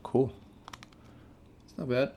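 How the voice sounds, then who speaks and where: In a slow, dark-toned voice, a man offers off-the-cuff unboxing commentary as a tech reviewer. He's laid-back and informal, with plenty of slang.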